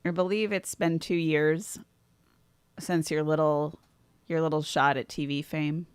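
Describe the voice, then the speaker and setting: Low-voiced teasing female co-host, dry sound. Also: steady tone, measured pace, clear, resonant tone, no room sound. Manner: dry, teasing, laughs often. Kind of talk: casual podcast banter.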